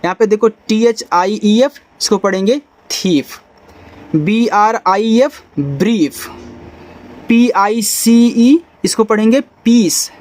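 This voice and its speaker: A man's voice: high voice, slow pace, a little mellow. A man teaching a phonics lesson, spelling out letters one by one and patiently sounding out each word. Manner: patient, repeats and checks understanding. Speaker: English teacher.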